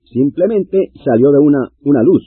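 A man's voice: a little high, expressive, moderate pace, breathy edge. A man interpreting a sermon phrase by phrase. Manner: follows phrase by phrase. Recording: tinny lo-fi line.

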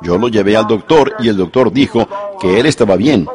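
A man voicing a frantic young mother who pleads in a hurried way about her child, with a congregation audible behind him. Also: lowish voice, expressive, crowd noise, lightly acted. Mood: pleading.

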